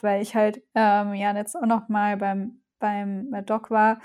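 A young woman, a student, calmly explaining her view in a casual conversation. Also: medium pitch. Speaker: student, podcast co-host.

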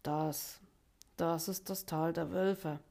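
A woman's voice: fairly even intonation, slow pace, creaky, dark tone, heavily acted. A woman voicing a proud, injured young male wolf in a storybook reading, brooding and terse. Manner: brooding, terse, low-spoken.

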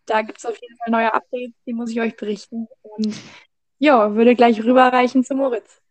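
A chatty woman in her twenties talks as a podcast guest. Her voice sits a little high. It sounds dry and close to the mic. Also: level tone, normal speed, dry recording. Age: 20s. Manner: chatty, cheerful storytelling. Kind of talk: casual podcast chat.

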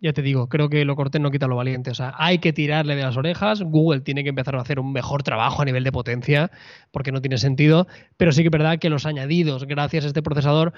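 A man's voice: on the high side, dry recording. A man with an accent from Spain giving opinions in a casual, colloquial tech discussion on a podcast, over a slightly muffled remote feed. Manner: colloquial, opinionated, uses tag questions. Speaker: podcast panelist.

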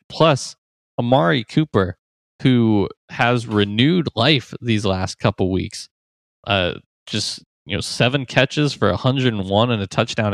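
A man's voice: medium pitch, vocal fry, dry recording. A man co-hosting a podcast, chatting casually about football and betting lines, running through stats with easy laughs. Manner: chatty, laughs easily, quick stats rundown. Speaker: podcast co-host. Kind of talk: casual sports betting chat.

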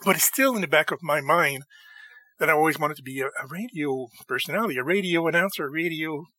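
A middle-aged man with a slight lisp talks straight to his listeners in an earnest podcast monologue. His voice is fairly high and forceful, with a dry, close sound. He stops to correct himself and chuckles at his own slips. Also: fast talker, dry recording. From Montreal, Canada. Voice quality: slight lisp from new dentures. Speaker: podcast host. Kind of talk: casual personal monologue.

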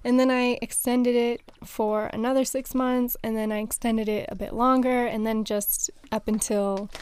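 Young american woman, a bit high, smooth clear voice, giggly podcast guest. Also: flat delivery, moderate pace, a little mellow, no room sound. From United States. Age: young adult. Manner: giggly, crude jokes. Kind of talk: casual podcast chat.

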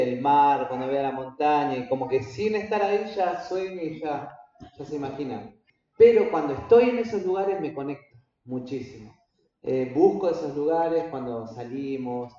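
A man's voice: fairly high pitch, warm tone. Hesitant man preaching from afar in an echoey hall. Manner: halting, repeats words, uses many fillers. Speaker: pastor. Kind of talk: church teaching talk. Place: church hall. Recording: echoey hall, distant, dull and slightly noisy.

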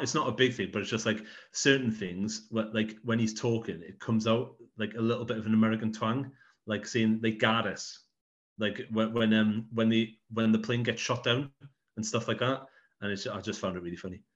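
Guy on a movie podcast, kinda low voice, keeps restarting, dull lo-fi sound. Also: fairly quick. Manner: rambling, repeats words as he restarts. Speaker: podcast co-host. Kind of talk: casual film-review chat.

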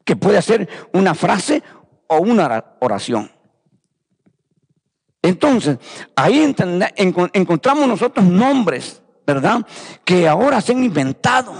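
A man's voice: high voice, sing-song, measured pace, pauses often, breathy edge, long reverb tail. A man preaching a fervent sermon, repeating phrases and calling his listeners brothers. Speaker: pastor.

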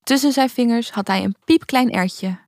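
Gentle woman reading a bedtime story. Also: fairly high pitch, moderate pace, no echo, clean studio sound.

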